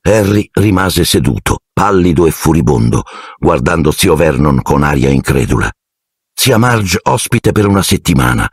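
A man reading an audiobook in a theatrical, expressive scripted narration. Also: very deep voice, moderate pace, breathy edge, no room sound, studio quality.

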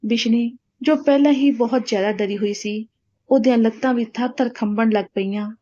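Woman storyteller with a mellow voice. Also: on the high side, moderate pace. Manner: plain, steady reading. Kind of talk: read-aloud storytelling. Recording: dull lo-fi recording.

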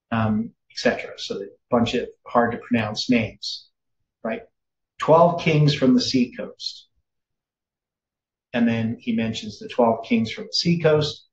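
A middle-aged man giving a conversational teaching sermon over a webcam, pausing often with fillers and restarts. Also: medium pitch, darkish tone. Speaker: Bible teacher. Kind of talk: teaching sermon with screen share. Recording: roomy, dull lo-fi sound.

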